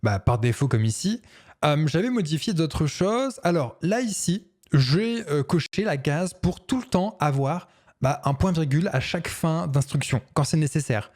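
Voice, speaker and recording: A man's voice: fairly high pitch, expressive, moderate pace, darkish tone. A man hosting a screen-recorded coding tutorial, chatty and self-correcting, with fillers and little laughs.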